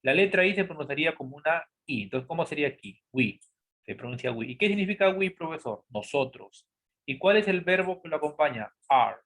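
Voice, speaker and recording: A man teaching a grammar lesson. He poses students' questions aloud, answers them himself, and repeats key words slowly. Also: on the high side, animated, fairly bright tone. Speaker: English teacher. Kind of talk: classroom-style lesson explanation.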